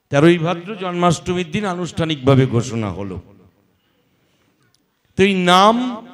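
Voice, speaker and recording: A man's voice: high voice, a bit bright. A middle-aged man with a Bengali accent preaching a sermon at a religious gathering, exhorting with rhetorical questions and stories. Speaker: speaker at a religious assembly.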